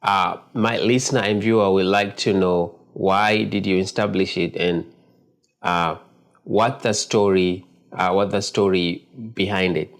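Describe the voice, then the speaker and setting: A man's voice: sits low, steady tone, measured pace. A man hosting a podcast interview, speaking in a formal, courteous way. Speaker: podcast host.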